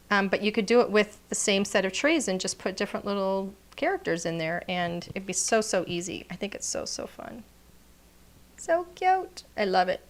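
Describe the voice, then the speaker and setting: A woman's voice: medium pitch, fairly bright tone. A woman teaching card-making in a casual, chatty demonstration, gushing over her work and often dropping to a murmur as she works.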